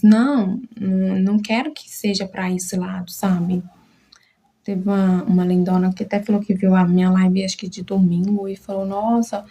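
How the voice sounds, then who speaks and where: A woman's voice: mid-range voice, darkish tone. A woman who makes crochet, chatting casually and heartfelt with her followers on a live stream, sometimes dropping to a whisper. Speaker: crochet artisan.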